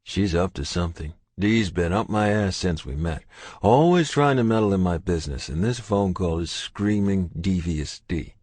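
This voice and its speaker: A man with a very deep, low voice narrates a romance audiobook in the first person, gruff and intense. The read is dry and close with no room sound. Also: expressive, moderate pace, a little mellow, dry recording.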